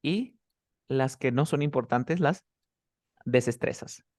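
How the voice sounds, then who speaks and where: A man teaching an English pronunciation lesson one on one. He quizzes his student and repeats example sentences slowly to model stress. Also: medium pitch, darkish tone, dry recording, studio quality. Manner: quizzes the student with quick questions.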